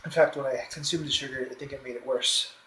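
A man's voice: medium pitch, steady tone, fast talker, pushed and bright. A man in his thirties giving casual commentary while his mouth burns from spicy food. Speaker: food challenge participant. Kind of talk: casual commentary during a challenge. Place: indoors at a kitchen dining table. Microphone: phone camera across the table. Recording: echoey room, faint background noise.

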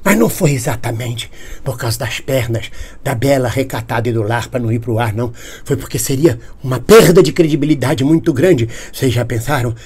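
A man playing a paranoid right-wing man in a satirical comedy monologue, husky, with a Brazilian Portuguese accent, alarmed and indignant, swinging from hushed whispers to high outbursts. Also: fairly quick, natural voice. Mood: panicked ranting.

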